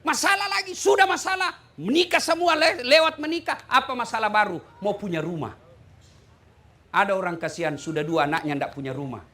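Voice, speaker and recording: A man's voice: high voice, a little fast. A middle-aged man with a Makassar accent preaching a humorous sermon, full of jokes and rhetorical questions. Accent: Makassar Indonesian. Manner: joking, animated, rhetorical questions.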